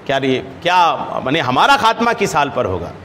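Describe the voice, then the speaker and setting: Animated high-voiced male preacher in a reverberant hall. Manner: chants Arabic hadith text slowly, then explains it in lively repetitive speech; asks rhetorical questions and repeats key phrases. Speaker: religious scholar and preacher. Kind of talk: hadith lesson sermon. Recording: long hall reverb, faint background noise.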